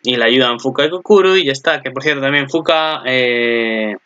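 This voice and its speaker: A man's voice: medium pitch, normal speed, smooth. A young man, recapping an anime episode in casual, rambling commentary, often restarting his sentences. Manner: rambling, excitable, swears casually, frequent restarts. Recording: dull lo-fi recording.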